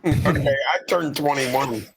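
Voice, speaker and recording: A man's voice: mid-range voice, a little slow, creaky, husky. A man co-hosting a podcast, chatting casually and teasing his partner with dry jokes. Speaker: podcast co-host. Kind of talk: casual chat.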